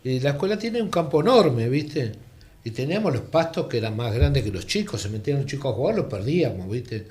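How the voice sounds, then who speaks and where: A man's voice: mid-range voice, brisk. An older man with a Rioplatense Argentine accent, a former teacher and journalist, telling anecdotes as an interview guest and acting out the voices in them. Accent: Argentine Rioplatense Spanish. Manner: animated, acts out the voices in his stories. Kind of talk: anecdotal storytelling.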